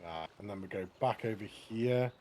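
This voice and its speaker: A man's voice: fairly low pitch, moderate pace, darkish tone, a little hiss or hum. Laid-back man, game co-host, rambling tag questions, headset, faint ambience. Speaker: co-host of a park tour. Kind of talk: casual gaming chat.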